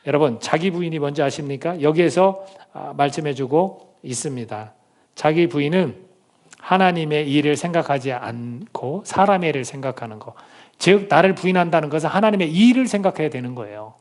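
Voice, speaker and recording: A male pastor delivers a sermon in a notably high voice. He questions his listeners directly and reads scripture together with them. Now and then he breaks into dramatic quoted speech. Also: lively intonation, a little fast.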